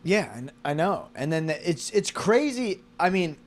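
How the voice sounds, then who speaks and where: An American man chatting casually and haltingly, searching for words and restarting as he rambles. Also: high-pitched, lively intonation.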